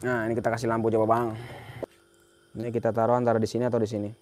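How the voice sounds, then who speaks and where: A man's voice: medium pitch, completely flat delivery, racing, a little mellow, slight background noise. A young man from Central Java giving a casual hands-on repair tutorial in a workshop, talking as he works and repeating his phrases. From Central Java, Indonesia. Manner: casual, talks while working, repeats phrases. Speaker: repair technician.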